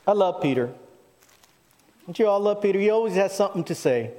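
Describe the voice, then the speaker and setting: A man's voice: high voice, lively intonation, brisk, warm tone, in a large hall. A man pastor preaching a sermon into a pulpit microphone in a church, talking to the congregation in a conversational way, his voice rising and falling for emphasis. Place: church sanctuary.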